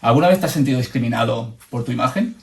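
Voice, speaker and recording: A male host with a gravelly voice talks quickly through relaxed interview questions. He adds short agreeing remarks between the guest's answers. The mic sits at some distance from him. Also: mid-range voice. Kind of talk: casual interview chat.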